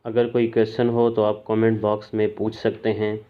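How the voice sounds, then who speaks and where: A man teaching a language lesson in a calm, measured way, clearly spelling out each sound. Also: on the low side, muffled recording. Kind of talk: slow explanatory lesson.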